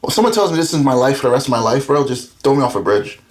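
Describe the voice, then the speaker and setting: His medium-pitched voice is sing-song and very fast. A guest entrepreneur in his thirties raised in Florida, he shares his story in a casual interview, candid and meandering, with plenty of fillers.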